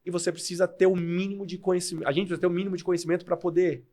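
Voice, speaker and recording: Man, São Paulo Brazilian Portuguese accent, fairly high voice, emphatic, interview guest laying out points one by one. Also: little pitch movement, racing, dark tone. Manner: emphatic, lays out points step by step. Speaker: guest, sales manager. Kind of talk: podcast interview.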